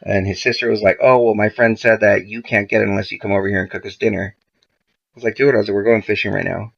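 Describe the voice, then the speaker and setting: A man's voice: lowish voice, steady tone, fast talker, creaky, slightly rough. A man, a podcast guest, casually telling a story full of profanity and quoted back-and-forth dialogue. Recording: dull lo-fi podcast audio.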